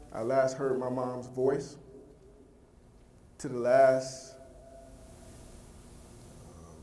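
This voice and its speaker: A man's voice: mid-range voice, dark tone, slight background noise. Earnest male speaker in an echoey hall. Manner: emphatic, addresses the audience directly; heartfelt and earnest. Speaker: youth motivational speaker. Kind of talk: motivational speech to a young audience. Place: large event hall with a live audience. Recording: echoey hall with faint ambience.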